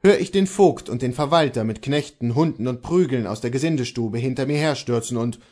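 A man reading aloud who voices a male stable servant recounting his mistreatment in a plain, lower tone. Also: brisk, warm tone, close to an everyday voice. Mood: aggrieved.

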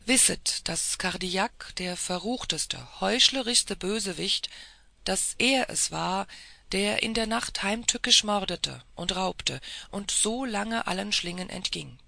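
A reader playing a proud male officer, speaking emphatically in a raised, gravelly voice. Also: mid-range voice, slow, sharp tone, dry recording, exaggerated voice. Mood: earnest.

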